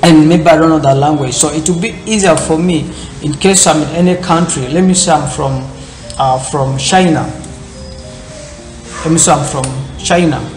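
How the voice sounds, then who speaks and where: A man's voice: on the high side, normal speed, roomy sound, soft background music. A man hosting a screen-recorded tech tutorial, walking through steps in loose, repetitive phrasing with many fillers. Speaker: tutorial host. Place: indoor room, seen in corner webcam.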